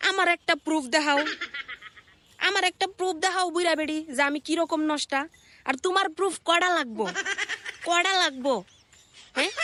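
This phone-recorded scolding reaction video features a woman content creator ranting sarcastically in colloquial Bangladeshi Bengali. Her pitch is extremely high, and the background is noisy.

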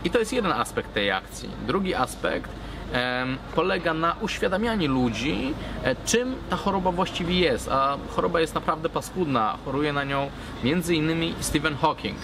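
A man in his thirties from Poland talks casually to camera as a vlogger, with a hesitant, halting delivery, recorded outdoors. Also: on the high side, animated. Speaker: cigar blogger, vlogger. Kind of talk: casual vlog talk to camera. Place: outdoors at a garden table by a brick wall. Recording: clear outdoor urban background noise.

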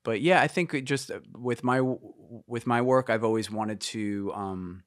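A man's voice: mid-range voice, normal speed, no room sound, studio quality. A man in his fifties talking as a guest musician in a casual interview, reflective and meandering, with many fillers and restarts.

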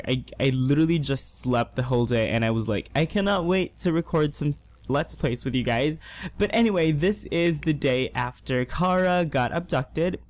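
A young man with a fairly high voice gives casual gameplay commentary as a let's play host. He sounds hoarse, as if he is losing his voice, and he talks in a chatty, excitable way, gushing with slang.

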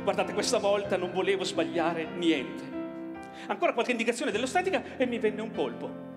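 A middle-aged man with a fairly high voice tells a heartfelt story from a theatre stage, pausing and restarting as he goes. His words ring out in a long hall reverb over live music. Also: expressive. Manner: tender, halting, with small restarts. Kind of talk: monologue with musical accompaniment.

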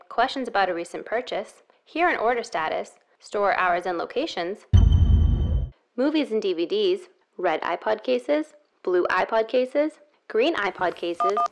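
A woman's voice: medium pitch, natural voice. Sketch comedy: woman as automated phone-line lady, bland customer service voice, scripted politeness over rude lines.

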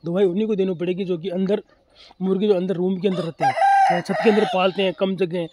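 He talks fast in a high, flat voice: a Rajasthani chicken farmer vlogging casually from his open-air farm. Speaking directly to viewers, he keeps things plain and repetitive, with chickens clucking and a faint noise behind him.

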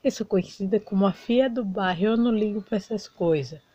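A woman's voice: mid-range voice, fairly quick, dark tone, muffled recording. Woman voicing a whole doll soap opera. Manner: switches between many character voices. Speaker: doll play narrator voicing all characters.

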